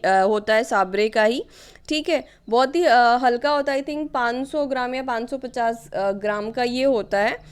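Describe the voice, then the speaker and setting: A woman's voice: high-pitched, clean tone. A woman explaining current affairs questions for exam preparation in a chatty way, often checking in with "okay". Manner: conversational, many fillers and "ठीक है" check-ins. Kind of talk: exam-prep lesson explaining news questions.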